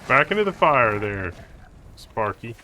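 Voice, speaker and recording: A man's voice: medium pitch, big pitch swings, measured pace, bright, forceful tone, a little hiss or hum. An actor playing a wry male survivor in a zombie video game, speaking in dry, wisecracking asides.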